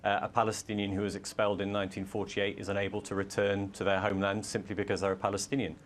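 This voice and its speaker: Measured man debating, slightly low voice. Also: little pitch movement, a little hiss or hum. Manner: measured, with frequent "uh" fillers. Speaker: author and debate guest. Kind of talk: studio debate.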